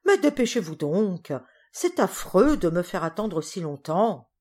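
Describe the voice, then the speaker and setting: A woman voicing an impatient, fussy lady who talks high and loud in exclamations. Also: sing-song, unhurried, husky, heavily acted.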